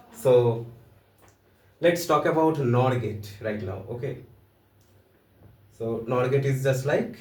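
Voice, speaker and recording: A man's voice: medium pitch, a little mellow. A man with an Indian accent giving a casual, joking lesson in loose, hesitant phrasing. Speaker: teacher. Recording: roomy echo, voice from a distance.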